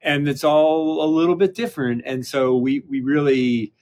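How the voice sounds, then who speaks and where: A man speaking as an interview guest in casual conversation, halting and often restarting his sentences. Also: a little high, steady tone, a little mellow.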